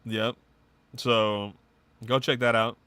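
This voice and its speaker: A man co-hosting a podcast, rattling off game news in casual, swearing slang with excitement. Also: mid-range voice, takes it slowly, smooth, dry recording. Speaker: podcast co-host. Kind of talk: casual chat.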